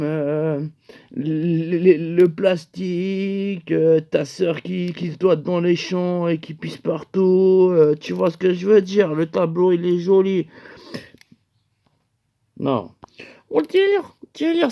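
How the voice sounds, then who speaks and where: A man's voice: sits high, little pitch movement, slow pace, creaky, lo-fi sound. A young man telling a rambling comic story, with laughing asides and acted-out quotes.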